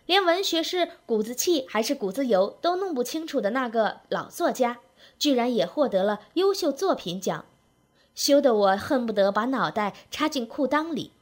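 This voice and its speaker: A woman telling a humorous story aloud, with wry, lively narration and rhythmic phrasing. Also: high voice. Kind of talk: spoken comic storytelling.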